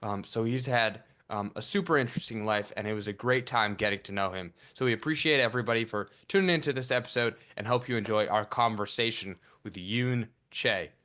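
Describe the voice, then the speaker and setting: Man, podcast host, low voice, very bright tone, upbeat, friendly, ums. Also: brisk, few pauses, low-quality recording. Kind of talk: interview podcast.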